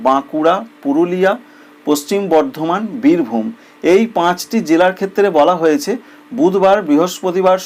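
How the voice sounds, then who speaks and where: A man with a high-pitched, slightly mellow voice narrates a semi-scripted weather bulletin. He explains things emphatically and repeats phrases for clarity.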